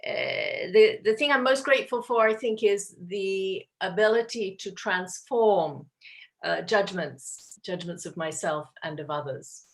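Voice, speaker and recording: A woman's voice: mid-range voice, measured pace. A woman trainer giving a sincere, reflective account over a video call. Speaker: nonviolent communication trainer. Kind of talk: personal reflection in a group call.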